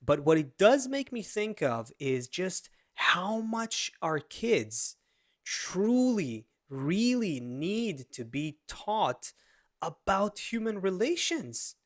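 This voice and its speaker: A man in his thirties, a podcast co-host, tells a story in casual conversation, animated and full of restarts, over a video call. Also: high-pitched, slow.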